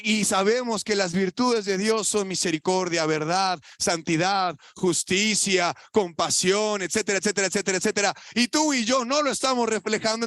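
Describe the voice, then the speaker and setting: A young man preaching with a Mexican Spanish accent, his voice pitched high for a man. He talks to the congregation in a casual, colloquial way, firing off rhetorical questions and dropping from loud emphatic lines into quiet asides. The sound is dry and close. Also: dry recording. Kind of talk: sermon. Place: church.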